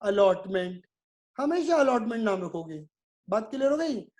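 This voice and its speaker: A man's voice: sits high, sing-song, normal speed, a little mellow. A male commerce teacher giving a video lecture. He talks in a repetitive, drilling way, asks his students questions, answers them himself and calls them "my son".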